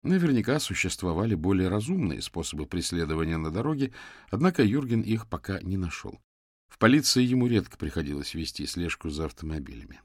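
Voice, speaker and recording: A man reads an audiobook thriller in a very deep, low voice. The delivery is even and scripted, and the sound is dry and close to the mic. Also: a little fast, no room sound. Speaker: audiobook narrator. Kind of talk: scripted narration.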